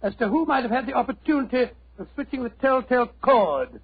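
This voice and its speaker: An actor playing an earnest, blustery doctor and loyal sidekick with a British accent and husky voice, in 1940s radio style. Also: male voice, very high voice, lively intonation, fairly quick, exaggerated voice. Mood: earnest recounting. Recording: muffled old radio recording.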